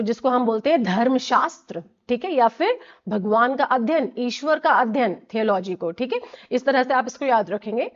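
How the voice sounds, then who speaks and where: Woman teaching English words, lo-fi. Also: fairly high pitch. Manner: explains slowly, repeats key words, checks in with "ठीक है". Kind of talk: vocabulary lesson. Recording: dull lo-fi audio.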